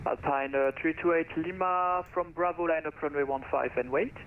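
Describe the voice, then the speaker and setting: A man's voice: fairly high pitch, fairly even intonation, moderate pace. A man working as an air traffic controller, giving procedural instructions phrase by phrase over the radio. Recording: distant, dull radio with faint noise.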